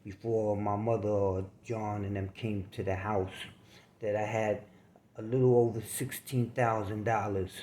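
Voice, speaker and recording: An older man from New York reading aloud from his own memoir, unhurried and plainspoken, with casual asides. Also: on the low side, a little mellow. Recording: roomy room with faint background noise.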